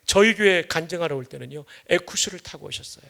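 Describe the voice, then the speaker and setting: A man preaching an evening sermon in a church, telling stories with lively humor. His voice sits high and sounds bright and bold. A gravelly rasp runs through his delivery. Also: quick pace. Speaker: guest pastor. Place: church sanctuary.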